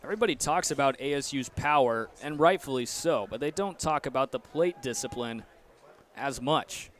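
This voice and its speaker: Mid-range in pitch and normal in speed, a young American man provides live sports play-by-play. The commentary carries outdoor ambient noise, with a ballpark or arena feel.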